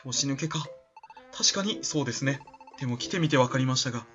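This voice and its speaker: A man doing a gentle, polite, mysterious team leader from a game, speaking soft and composed. The voice has a bright edge, heard through a slightly dull lo-fi recording. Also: mid-range voice, expressive, quick pace, soft background music, close to an everyday voice. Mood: calm, polite.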